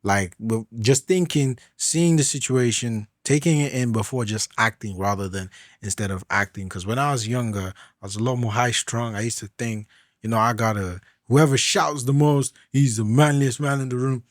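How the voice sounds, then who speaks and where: A man's voice: mid-range voice, normal speed, dry recording, studio quality. A young man co-hosting a podcast, rambling with many restarts and acting out quoted lines. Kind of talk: casual chat.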